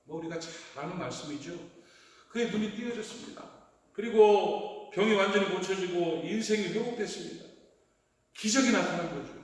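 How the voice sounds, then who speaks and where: A male pastor preaches with a lively, swooping voice that rides fairly high. He acts out the cries and dialogue of the story with animation. His voice carries from a distance through a big, echoey church hall with a long reverb. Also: moderate pace. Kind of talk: sermon. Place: church sanctuary.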